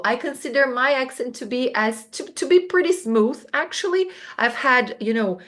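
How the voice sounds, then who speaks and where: A woman's voice: fairly high pitch, a bit bright. A woman from Brazil with a Brazilian Portuguese accent, a native Portuguese speaker, giving a chatty, casual English lesson with frequent restarts and asides. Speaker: English teacher.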